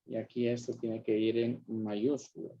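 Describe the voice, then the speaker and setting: Slow, patient male teacher, lo-fi sound. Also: mid-range voice, flat delivery, a crowd in the background. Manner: patient, repeats examples and checks understanding. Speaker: English teacher. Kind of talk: classroom lesson explaining grammar.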